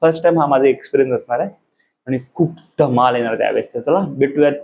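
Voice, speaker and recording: A man's voice: mid-range voice, fast talker, vocal fry, darkish tone, lo-fi sound. A man in his thirties, a father talking casually to his vlog camera at home at night. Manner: coaxing, soothing talk to a child. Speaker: vlogger, father.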